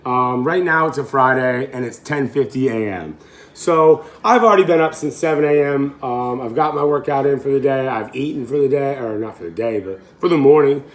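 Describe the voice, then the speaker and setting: A man in his late thirties, a fitness coach by trade, chats casually while cooking at home for his vlog, wandering off topic and correcting himself with easy laughs. He speaks at normal speed with a medium pitch.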